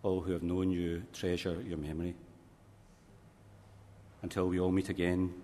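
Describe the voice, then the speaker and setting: A man, a priest, reciting funeral Mass prayers in a measured, solemn way, his voice ringing with cathedral echo. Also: low voice, little pitch movement, mellow, a little hiss or hum. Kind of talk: liturgical recitation. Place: large church. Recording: long reverb in a large church, faint ambience.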